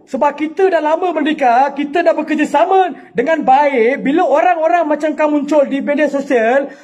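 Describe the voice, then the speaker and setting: A man's voice: extremely high pitch, darkish tone. A Malaysian man delivering an angry, confrontational video rant, scolding and firing rhetorical questions. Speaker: social media commentator.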